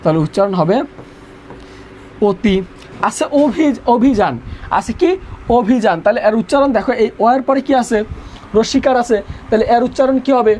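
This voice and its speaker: A man's voice: very high-pitched, fast talker, a little mellow, a little hiss or hum. A young man teaching an online revision class, repeating rules and quizzing his students.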